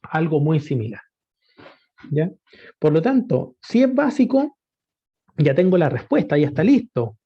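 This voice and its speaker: A man's voice: a little high, sing-song, a little slow, long pauses, husky. A man teaching a spreadsheet lesson, patiently asking rhetorical questions and often checking that students follow. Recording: dull lo-fi recording.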